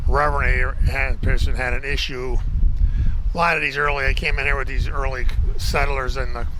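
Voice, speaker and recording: A man speaks to his viewers on a walk across a college campus, bright and forceful in tone and sitting in the middle of the male range. He rambles, corrects himself and speaks to the audience as folks. Faint outdoor street noise and the odd passing vehicle sit under his handheld camera audio. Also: medium pitch, rough recording. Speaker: video tour guide. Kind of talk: casual walking-tour vlog.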